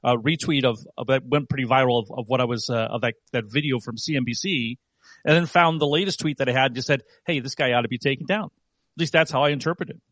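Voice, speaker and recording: A man's voice: mid-range voice, fast, fairly bright tone, no echo. A man speaking as a guest on a live audio chat, explaining his own posts with many restarts and repeated words. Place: lives in San Diego.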